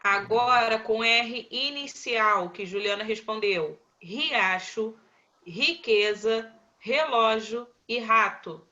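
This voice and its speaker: Uma professora brasileira dando aula por videochamada, com voz viva e clara. Ela fala bem devagar e repete cada resposta com paciência. O som da chamada chega abafado. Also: female voice, a little high, pushed and bright, muffled recording. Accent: Brazilian Portuguese. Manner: patient, slow, calls on pupils by name and repeats answers. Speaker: primary school teacher. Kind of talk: online class, quizzing pupils.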